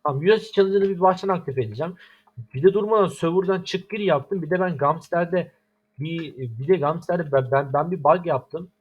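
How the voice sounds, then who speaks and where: A man's voice: fairly high pitch, a little fast, husky, lo-fi sound. A young man from Turkey with a Turkish accent, commenting over his own game and complaining in exasperation. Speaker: gaming YouTuber. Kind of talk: gameplay commentary.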